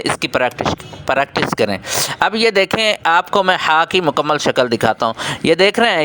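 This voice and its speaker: A man with a bright, clean voice teaches a Quran reading lesson for children. He speaks a little higher than most men, repeats each point patiently and quizzes his young pupils as he goes. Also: clean tone.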